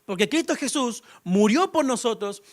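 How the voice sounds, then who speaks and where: A young male pastor delivers a conversational sermon. He has a notably high voice and keeps a light, humorous touch. He asks the congregation rhetorical questions throughout. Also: expressive, moderate pace.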